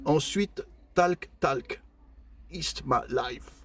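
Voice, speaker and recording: An older man in a casual show-and-tell vlog, calmly listing his flea-market finds one by one with many pauses and fillers, and chatting warmly with his viewers. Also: fairly high pitch, slightly rough. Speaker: flea-market collector vlogger.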